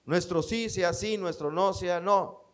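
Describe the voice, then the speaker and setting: A man with a Mexican accent preaches a sermon in a high-pitched voice at a slow pace. He is emphatic, quotes scripture, and acts out the speech he quotes.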